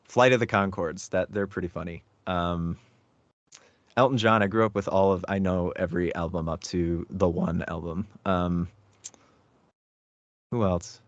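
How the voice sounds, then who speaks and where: Man, low voice, relaxed and self-deprecating, dull dry lo-fi sound. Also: measured pace, long pauses, dry recording. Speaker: voice actor guest. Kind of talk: casual interview chat.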